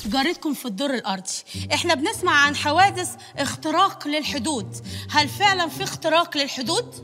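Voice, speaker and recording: An actress with an Egyptian accent playing a nosy downstairs neighbor who asks prim questions. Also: female voice, sits high, expressive, fast talker, sharp tone, big-room sound, faint music behind. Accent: Egyptian Arabic.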